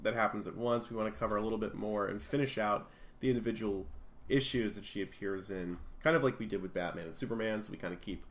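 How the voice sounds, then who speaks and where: A man's voice: fairly low pitch, quick pace. Man animatedly recapping comic plots. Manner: animated retelling, acts out characters' lines. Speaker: podcast co-host. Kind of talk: casual comic book recap.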